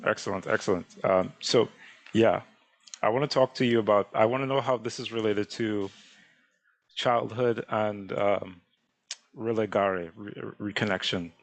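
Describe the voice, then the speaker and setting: A man from Trinidad hosting an interview, asking questions in a halting way while searching for words. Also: lowish voice, steady tone, no echo. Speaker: host.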